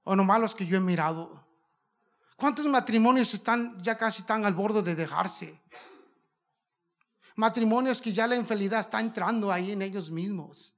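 A man's voice: high voice, moderate pace, fairly bright tone. A man preaching a fervent sermon at a church service, asking the congregation question after question. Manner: fervent, asks the congregation many rhetorical questions.

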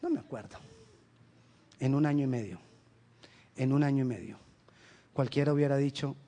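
A man from Colombia preaching a sermon as a pastor, emphatic and direct, with rhetorical questions and lively stories. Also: mid-range voice, creaky. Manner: animated storytelling with quick asides.

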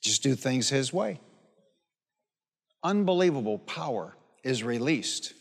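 A sixty-seven-year-old pastor preaches to a congregation in a large hall or church, his mid-range voice animated, slow, slightly rough and touched with vocal fry. His sermon is folksy and emphatic, full of repeated phrases, personal stories and calls for amen. The live recording carries a long hall reverb.

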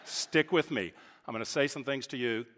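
A man from Texas preaching a sermon as pastor, talking with emphatic swings from loud, high points to quiet, low asides. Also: moderate pace, a little hiss or hum. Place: church sanctuary. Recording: reverberant church hall.

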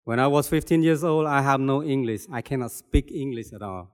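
An older man from Cambodia with a Cambodian accent, giving an earnest, halting testimony sermon as a lay preacher. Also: mid-range voice. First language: Khmer. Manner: earnest, halting, plainspoken with repetitions. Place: church hall. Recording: long hall reverb.

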